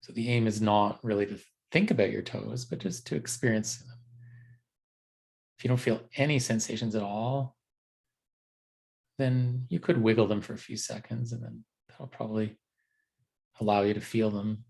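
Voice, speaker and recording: A man guides a body scan meditation as a teacher, speaking softly and slowly, unscripted and halting with many pauses. His voice sits on the low side with fairly even intonation and vocal fry.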